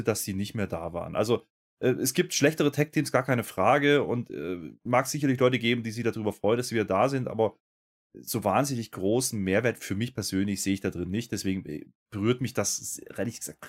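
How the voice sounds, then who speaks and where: A man on a podcast, talking at an even, considered pace. He weighs his points critically and pauses on little fillers as he goes. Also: fairly low pitch. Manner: critical, measured, hesitant with fillers. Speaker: podcast co-host reviewing wrestling. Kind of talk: casual chat.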